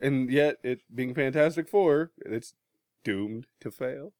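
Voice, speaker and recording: A man's voice: medium pitch, takes it slowly, a little mellow, dry recording, studio quality. A man co-hosting a podcast in casual chat, laid-back, swearing often and laughing a lot. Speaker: podcast co-host.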